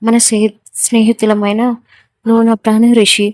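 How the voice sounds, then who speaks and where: A woman's voice: fairly high pitch, monotone, moderate pace, darkish tone, dry recording, close to an everyday voice. A woman voicing a chatty, loyal young male friend in a spoken story. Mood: earnest.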